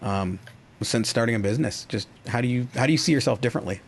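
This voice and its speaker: A man's voice: mid-range voice, fast talker, vocal fry, slight background noise. Easygoing man podcast host. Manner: relaxed, easygoing, supportive, many fillers. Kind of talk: casual interview questions.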